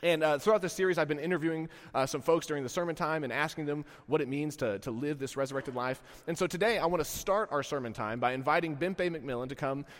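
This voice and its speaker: A man's voice: a little high, quick pace, few pauses. A man preaching a sermon as the pastor, conversational and full of "uh"s, interviewing a church member. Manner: conversational, hesitant with many fillers. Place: church sanctuary. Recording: church hall reverb.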